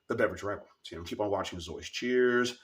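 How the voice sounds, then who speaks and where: A man's voice: sits low, very fast, distant mic. A man with a scratchy, sore-sounding throat gives a casual, informal product review as a video host, repeating words for emphasis.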